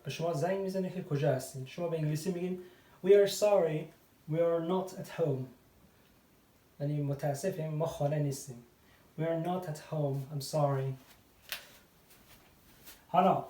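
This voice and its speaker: A man teaches grammar at a whiteboard. His voice is fairly high but mellow. He sounds set back from the mic in a reverberant room. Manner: slow, drawn-out English examples, then quick explanations. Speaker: English teacher. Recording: roomy, distant mic.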